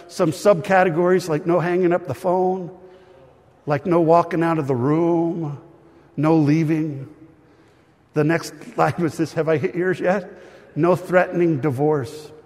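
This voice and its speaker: Man, pastor, sermon, somewhat high voice, husky, lively and joking, hall reverb.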